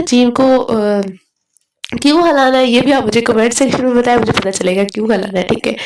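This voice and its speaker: A woman with a Pakistani Urdu accent who teaches Quran reading in an online lesson, talking with viewers in a chatty way and drilling syllables slowly. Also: on the high side, darkish tone, reverberant, distant mic, poor audio. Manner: chatty, keeps asking viewers to comment. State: has a cold.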